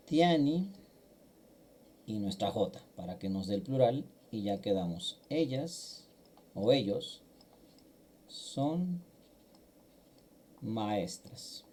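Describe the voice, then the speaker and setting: A man's voice: mid-range voice, dark tone. Patient man teaching grammar. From Mexico. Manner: patient, explaining step by step with fillers. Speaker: language teacher. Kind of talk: online grammar lesson.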